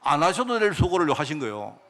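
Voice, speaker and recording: A middle-aged male pastor preaching a sermon. He keeps asking the congregation questions and answering them himself, and he drops to a quiet aside at the ends of phrases. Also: fairly high pitch, sing-song, fast talker.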